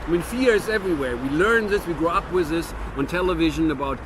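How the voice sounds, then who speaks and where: A German man in his fifties with a German-American accent vlogs to camera, musing earnestly in a reflective monologue with frequent restarts. His fairly high voice moves at a quick pace, with background noise present.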